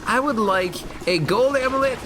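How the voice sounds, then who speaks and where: Man playing a high, whiny little girl, demanding and greedy, game stream bit. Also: lively intonation, moderate pace, noisy background. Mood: wheedling. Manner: high squeaky whine, demanding. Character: greedy little girl asking Santa for gifts.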